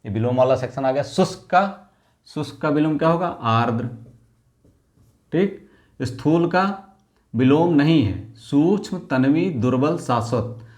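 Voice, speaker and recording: A man's voice: on the high side, lively intonation, unhurried, pauses often, darkish tone. A man teaching an exam-prep lesson, asking questions and then answering them himself while repeating the key words.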